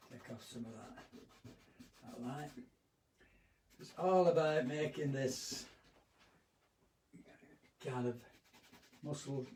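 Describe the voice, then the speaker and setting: A man giving a relaxed, rambling painting demonstration as an art instructor, often correcting himself. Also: mid-range voice, recorded from a distance, a little hiss or hum. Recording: roomy echo, off-mic.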